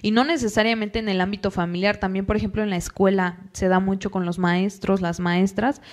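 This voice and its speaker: A woman, a psychologist guest in a podcast interview, explaining calmly and acting out short quoted asides. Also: mid-range voice. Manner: calm, explanatory, acts out parents and children in quick quoted asides.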